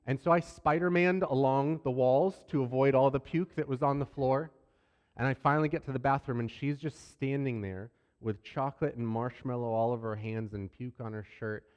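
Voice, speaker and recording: A man in his thirties, a pastor, telling a family story from the pulpit with lively, self-deprecating humor. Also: mid-range voice, moderate pace, clean tone, muffled recording. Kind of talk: sermon storytelling. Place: church sanctuary. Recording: long church hall reverb.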